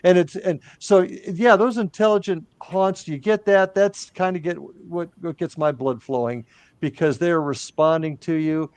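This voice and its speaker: Animated man telling ghost stories. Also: fairly high pitch, measured pace, smooth, dry recording. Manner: animated, restarts and stumbles over words. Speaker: paranormal investigation team leader. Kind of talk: casual podcast storytelling.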